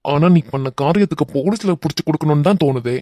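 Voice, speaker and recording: A man's voice: on the high side, quick pace, warm tone, dry recording, clean studio sound, lightly acted. A man voicing a hot-tempered young man who mocks and threatens a crook, with a Kanyakumari Tamil accent, in a cartoon. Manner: threatening, mocking.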